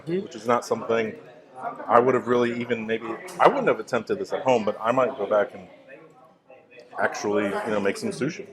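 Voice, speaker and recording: A man hosting a casual travel vlog, joking and laughing often as he chats. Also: medium pitch. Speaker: vlog host. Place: cruise ship cooking class and bar. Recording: busy crowd chatter behind.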